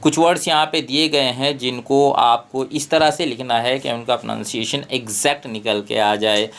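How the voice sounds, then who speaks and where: A man with an Indian English accent, a tutor who slowly reads out textbook exercises and explains them. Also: mid-range voice, fairly even intonation, a bit bright. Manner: slow, deliberate reading of English prompts, explains in Hindi.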